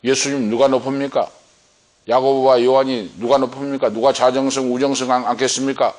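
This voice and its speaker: A man's voice: level tone, fairly quick. A middle-aged man pastor preaching a sermon, retelling a story with dramatic swings of voice as he acts out the cries. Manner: dramatic storytelling, acting out cries and quotes with swings in pitch and loudness.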